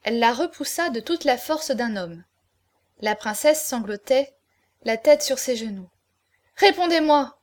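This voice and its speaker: A woman narrating a dramatic novel aloud in an expressive, measured way. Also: on the high side.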